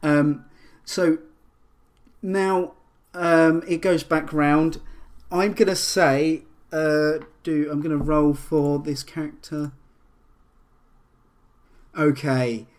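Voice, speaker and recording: A man running a tabletop role-playing game as game master, describing scenes in a halting way with many fillers and restarts. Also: a little high, steady tone.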